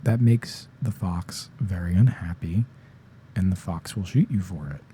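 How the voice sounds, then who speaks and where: A young man rambling softly in a casual ASMR chat, sleepy and tired-voiced, often dropping into whispers. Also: deep voice, measured pace, slight background noise. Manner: rambling, slips into whispers, self-deprecating. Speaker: ASMR creator. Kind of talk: soft-spoken ASMR ramble.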